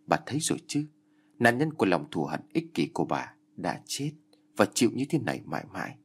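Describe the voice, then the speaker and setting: A man voicing the ghost of a murdered young woman, bitter and accusing, with a low, husky, lively voice. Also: a little fast, heavily acted.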